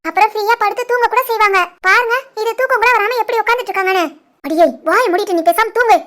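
A woman voicing a chatty, cheeky schoolgirl in an animated family drama, with a squeaky, chirpy voice. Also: quick pace.

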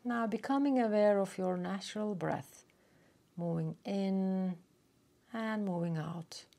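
Guiding a yoga nidra relaxation, a woman speaks in a mid-range voice marked by vocal fry. Her manner is gentle and unhurried, with long silences.

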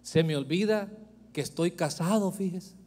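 Pastor guy preaching, high voice, jokey and punchy, long church echo. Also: moderate pace, darkish tone. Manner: emphatic, joking preaching that addresses the congregation directly. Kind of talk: sermon. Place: church sanctuary.

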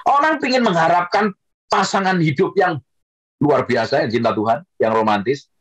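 A man preaching an online sermon, joking and swinging his pitch up and down for emphasis. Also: normal speed, husky, no room sound, rough recording.

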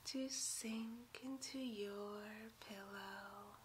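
A woman in a soft, breathy ASMR role-play as a gentle, protective circus clown ringleader, speaking in a soothing, hypnotic way. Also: mid-range voice, fairly even intonation, slight background noise. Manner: soothing, hypnotic, drawn-out phrases. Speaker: ASMR performer. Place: indoors against a plain wall, close to the camera.

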